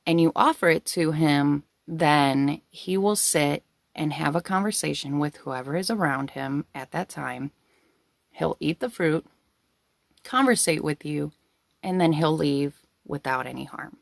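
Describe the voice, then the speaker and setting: A woman's voice: low voice, creaky, no room sound. A woman hosting a casual storytelling video, giggly and rambling as she talks to her viewers. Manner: giggly, breaking into laughter while talking.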